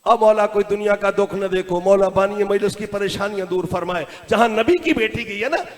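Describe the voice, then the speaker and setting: A man with a Pakistani Punjab Urdu accent reciting a mourning sermon, an impassioned lament that rises to shouts as he calls out to the mourners. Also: high-pitched, normal speed. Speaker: zakir, majlis orator. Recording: reverberant hall PA sound.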